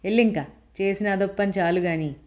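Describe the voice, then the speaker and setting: A woman's voice: mid-range voice, steady tone, brisk, a little mellow, close to an everyday voice. A woman voicing a rustic man in a crowd who talks coarsely and jeeringly.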